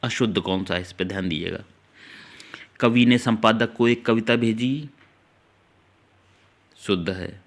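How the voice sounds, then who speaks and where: A male teacher taking students through an exam-prep grammar lesson, explaining each answer step by step and slowly repeating key words. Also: fairly low pitch. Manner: talks directly to students, urging them to note things down.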